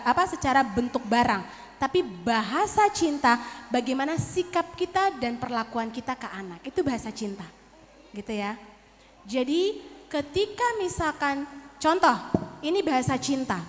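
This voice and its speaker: A woman giving a lively parenting seminar to parents, often addressing them directly and acting out quotes. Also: sits high. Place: seminar hall. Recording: reverberant hall.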